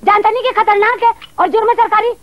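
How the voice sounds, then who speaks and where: A woman's voice: extremely high pitch, steady tone, fast, dry recording. An actress playing a worried village woman who scolds urgently, in a 1980s TV drama. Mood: scolding. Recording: dry, dull lo-fi TV soundtrack.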